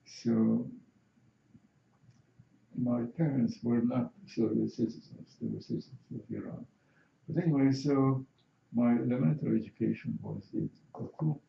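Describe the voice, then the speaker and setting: An older man from Azerbaijan with a Russian accent, slowly answering interview questions with many halting fillers. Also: mid-range voice, steady tone, vocal fry. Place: university building. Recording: echoey room, muffled sound, faint hiss.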